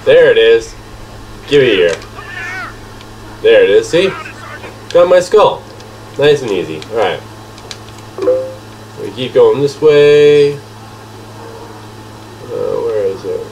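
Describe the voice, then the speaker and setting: A man's voice: medium pitch, animated, slow, pauses often, darkish tone, a little hiss or hum, rough recording. Man with a stuffy nasal voice. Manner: laid-back, mumbling, swears at the game. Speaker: let's play host. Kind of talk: casual gameplay commentary.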